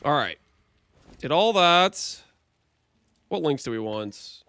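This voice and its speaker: Male streamer on a dry headset mic, smooth-toned, animated, joking with chat while he plays. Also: on the high side, slow, dry recording. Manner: chatty, joking, thinks aloud to chat. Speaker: livestreamer. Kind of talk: casual gameplay commentary.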